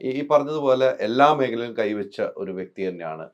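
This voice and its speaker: Fast-talking interviewer. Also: male voice, medium pitch, animated, lo-fi sound. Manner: quick questions and short agreeing replies. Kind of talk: casual interview talk.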